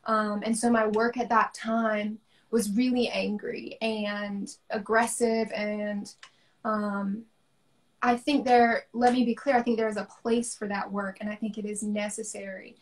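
Speaking at a measured pace in a mid-range voice with little pitch movement, a young artist from the American South reflects on her work over a video call. It's a casual livestream conversation, and she uses lots of ums.

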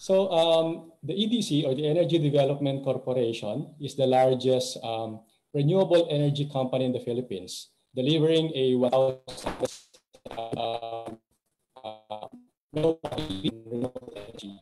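A man presents over a video call whose audio glitches, dropping and fading in and out. His voice is mid-pitched and mellow. He speaks haltingly, with broken-off words and fillers, as a faint guitar plays underneath. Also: low-quality recording. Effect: glitching audio that drops out and fades. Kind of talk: formal presentation over a remote link.

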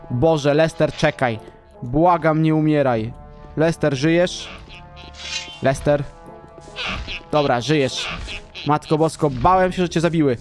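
A young man casually commenting on his gameplay, chatty and exasperated, sometimes yelling at the game, over a desk mic. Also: on the high side. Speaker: gaming YouTuber. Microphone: desk mic with in-ear headphones.

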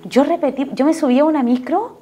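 A Chilean woman shares her faith testimony in a TV interview, her voice sitting a little high. She speaks earnestly and keeps turning to address the pastor. Soft music plays faintly underneath. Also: fast. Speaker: guest giving a testimony.

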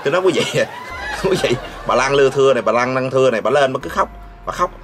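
A man's voice: mid-range voice, expressive, rapid-fire, a crowd in the background, background noise. A man hosting his vlog, ranting sarcastically and scolding, breaking into laughs mid-sentence. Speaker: vlogger host. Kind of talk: mocking commentary rant.

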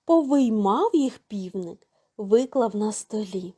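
A woman narrating a fairy tale for children in a slow, sing-song storytelling manner. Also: medium pitch, expressive, mellow, breathy edge.

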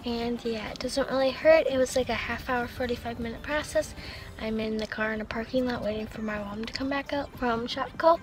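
High-voiced teen girl with new braces. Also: fairly even intonation, brisk. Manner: chatty, upbeat sign-off. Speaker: vlogger. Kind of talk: casual vlog chat. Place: parked car.

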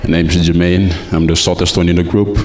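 Deep-voiced shy man, shaky voice. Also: level tone, fast. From Solomon Islands. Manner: shy, giggly, joking. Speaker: singing group member. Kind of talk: brief self-introduction. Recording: reverberant hall with audience noise.

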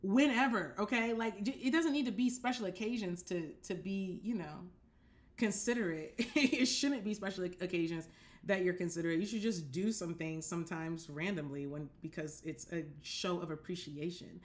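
A young woman hosting a casual dating-advice talk from her apartment, speaking straight to the camera, animated and direct, often checking that listeners follow. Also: lowish voice, normal speed. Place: apartment living room, indoors.

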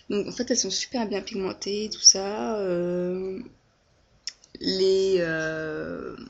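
A young woman casually reviewing a makeup palette in her first vlog, hesitant and full of fillers. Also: on the low side. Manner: hesitant, many fillers and self-corrections. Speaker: beauty vlogger. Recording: dull lo-fi home webcam audio.

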